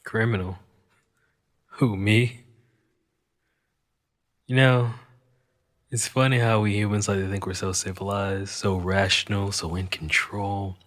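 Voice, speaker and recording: A male actor with a lowish, somewhat bright voice performs a monologue for an audio drama as a cynical Martian criminal fixer who cracks wise. His delivery is flat, wry and world-weary, marked by deliberate pauses, and the mood is philosophical.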